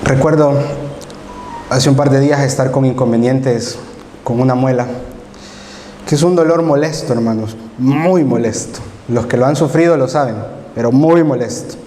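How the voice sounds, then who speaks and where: A man's voice: mid-range voice, normal speed, warm tone. A man from El Salvador with a Salvadoran accent, preaching a sermon with emotional storytelling and acting out his own past pleas. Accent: Salvadoran Spanish. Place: church hall. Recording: roomy hall reverb, faint background noise.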